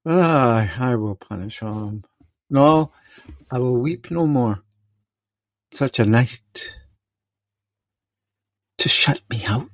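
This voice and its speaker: A man reading the part of an old king in a storm, declaiming the verse slowly with heavy pauses. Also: medium pitch, expressive, dry recording. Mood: anguished. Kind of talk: reading a play aloud.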